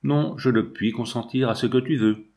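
A man reading the lines of a proud father, emotional and halting. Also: mid-range voice, mellow, close to an everyday voice. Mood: shaken.

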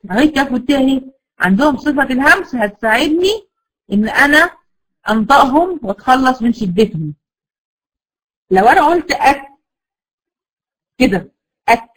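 A woman's voice: fairly high pitch, rough recording. A woman with an Egyptian accent teaching Quran recitation in an explanatory lesson. She models sounds by repeating short syllables and asks her students rhetorical questions.

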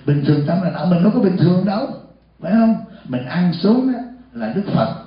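Senior monk preaching to a live audience; raised pitch, big hall echo, muffled recording. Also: male voice, brisk. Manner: lively, asks the audience questions and acts out short dialogues. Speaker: senior monk giving a dharma talk. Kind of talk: sermon. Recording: echoey hall, dull lo-fi sound.

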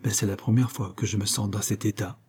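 A man's voice: on the low side, steady tone, fairly quick, a little mellow, husky. A man reading as a grim, blunt old sailor. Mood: muttering. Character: gruff old sea captain, uneasy.

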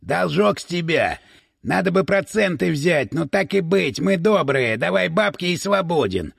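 A man's voice: fairly high pitch, lively intonation, measured pace, vocal fry, slightly rough, dry recording, studio quality, full character voice. A man doing a crude, drawling street thug. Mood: menacing.

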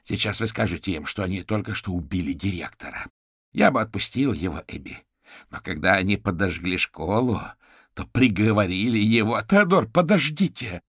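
A man doing a shouting male hostage-taker. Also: fairly low pitch, animated, normal speed, breathy edge, no room sound, clean studio sound, pitched above the performer's own voice. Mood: agitated. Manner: shouting, accusing.

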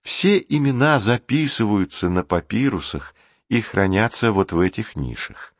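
A man's voice: fairly low pitch, animated, measured pace, no room sound. A man reading the part of a kind, obliging woman assistant, in a dry, dull recording. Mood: helpful.

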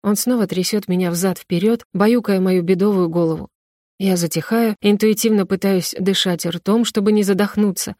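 A woman's voice: mid-range voice, fairly even intonation, moderate pace, warm tone, dry recording, clean studio sound. A young woman reading a novel aloud in the first person, her telling emotional and tearful. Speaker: audiobook narrator. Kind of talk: first-person scripted narration.

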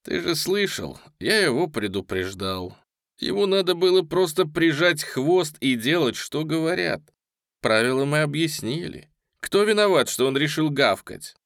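A man voicing a menacing, cold young male gunman in an audio story, who talks coarsely and sometimes drawls slowly. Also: a little high, lively intonation, fairly bright tone, no echo, studio quality, pitched above the performer's own voice.

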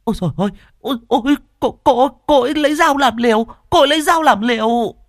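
A frightened middle-aged cook crying out in alarm, stammering in a high voice in a horror audio story, as a male narrator puts her on. Dry sound with faint music under it. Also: quick pace, no echo. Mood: panicked. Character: terrified middle-aged kitchen woman.

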